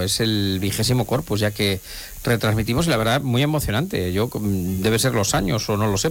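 Eloquent man talking on the radio. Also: lowish voice. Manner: eloquent, discursive, with frequent restarts. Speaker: regional radio station director. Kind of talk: reflective radio conversation.

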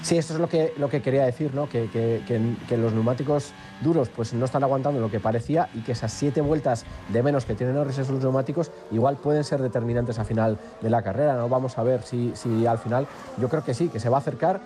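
Fast-talking male motorsport commentator. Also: medium pitch, music in the background. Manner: conversational, repeats words, seeks agreement with tags. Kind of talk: live race analysis. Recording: clear background noise.

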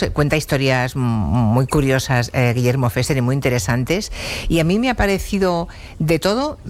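Female interviewer, engaged, chimes in on guest's points. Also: low-pitched. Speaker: interviewer host. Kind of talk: conversational interview.

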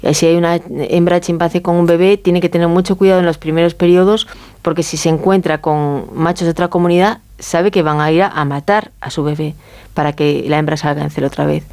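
A woman from Galicia, Spain, with a Castilian Spanish accent, speaks as an interview guest in a soft-edged, mellow, slightly low voice. Her tone is steady and her pace fairly quick, and she explains informally, often ending phrases with short tag questions to seek agreement.

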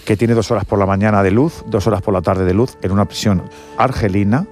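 With a Castilian Spanish accent, a man hosts a live sports radio show, interviewing and commentating over soft background music. His voice is fairly low, steady, brisk and a little mellow, and he speaks emphatically, repeating words as he searches for phrases.

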